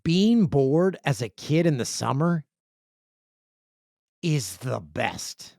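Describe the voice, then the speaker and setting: Slow and gravelly, with a slightly high voice, a podcast host reads listener emails and tells animated, jokey, rambling stories in casual chat. He's on a microphone indoors in a room with a video setup, and the studio-quality sound has no room tone.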